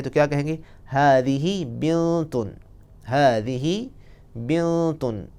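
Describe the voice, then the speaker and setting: A man teaching an Arabic lesson, explaining patiently and pronouncing each example phrase slowly and deliberately. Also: mid-range voice, darkish tone, clear, resonant tone. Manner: slow, drawn-out pronunciation of example phrases. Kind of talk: recorded language lesson.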